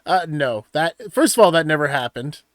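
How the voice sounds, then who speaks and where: A young man co-hosting a casual podcast stream, talking loudly and excitably with plenty of swearing. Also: fairly high pitch, normal speed, no echo, studio quality. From Washington State. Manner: loud, excitable, profane. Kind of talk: casual banter.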